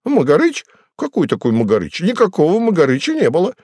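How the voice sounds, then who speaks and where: A man doing a high, jaunty, mocking demon retainer. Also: wildly swooping pitch, brisk, a little mellow, no echo, studio quality. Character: sly, fussy male demon retainer, mocking.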